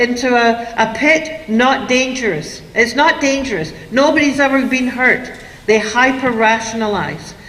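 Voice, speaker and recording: A woman giving a lively lecture to parents on raising teenagers. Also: on the high side. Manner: lively, acts out parents and kids in quotes. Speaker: speaker on teen parenting. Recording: echoey hall, long reverb.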